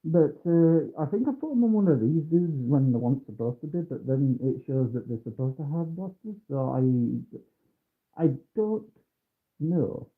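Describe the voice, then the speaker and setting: Guy on a phone stream, voice all muffled like through a wall, tinny, kinda high, hums to himself. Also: lively intonation, unhurried. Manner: mumbling to himself, humming filler sounds. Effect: muffled voice, as through a mask or a wall. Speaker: livestreamer. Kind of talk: casual livestream chatter while building a model kit. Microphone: phone mic.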